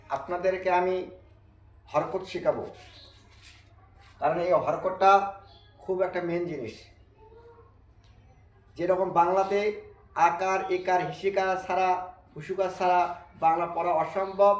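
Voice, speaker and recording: High-voiced man teaching Arabic letters. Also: echoey room, poor audio. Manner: repeats drills slowly and patiently, asks and answers own questions. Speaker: Quran teacher. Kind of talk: Arabic reading lesson.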